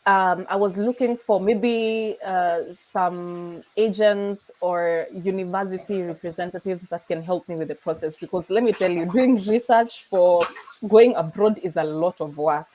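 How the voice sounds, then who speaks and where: A woman's voice: fairly low pitch, unhurried, mellow, a little hiss or hum, rough recording. A young Kenyan woman with a Kenyan accent, chatting as a guest on a video call, laughing often and slipping into Swahili. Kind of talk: casual interview chat.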